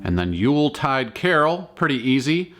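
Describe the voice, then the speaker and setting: A man teaching a ukulele chord melody, giving slow, patient step-by-step instructions and singing short demo phrases. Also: mid-range voice, big pitch swings, a bit bright, soft background music. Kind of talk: step-by-step music tutorial.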